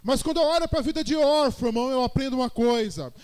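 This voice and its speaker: A man preaching with a Brazilian Portuguese accent, his voice pitched very high for a man. He tells his story like a testimony, then swells into shouted praise. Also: quick pace, clear, resonant tone. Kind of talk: sermon.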